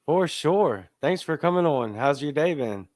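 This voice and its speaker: A man's voice: on the high side, animated, unhurried, darkish tone, no room sound, studio quality. A man hosting a casual live interview in an informal, agreeable way. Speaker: live show host.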